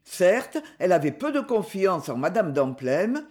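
A woman narrating a novel as an audiobook in an expressive storytelling manner. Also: lowish voice, a little slow.

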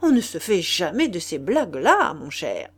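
A woman reading aloud and voicing a boastful, smooth-talking aristocratic marquis with emphatic bluster. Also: sits high, huge pitch swings, moderate pace, heavily acted. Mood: indignant.

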